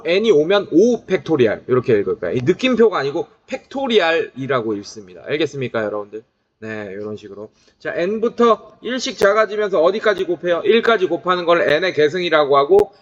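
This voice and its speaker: A man teaching a high school math class, lecturing casually and often checking whether his students follow. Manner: animated, keeps checking in with students. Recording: dull lo-fi recording.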